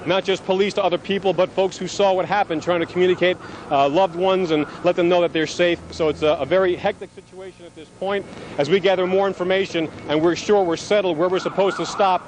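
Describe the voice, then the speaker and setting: A man's voice: high voice, steady tone, quick pace, rough recording. A man reporting live breaking news from the street as a field reporter, urgent and explanatory. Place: outdoors on a city street. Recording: outdoor street noise.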